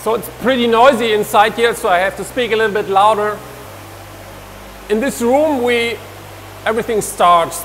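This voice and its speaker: There's a little hiss or hum behind this high-sitting male voice. A researcher from Germany walks visitors through a big indoor industrial hall, gesturing as he explains into his lapel mic and often starting over mid-sentence.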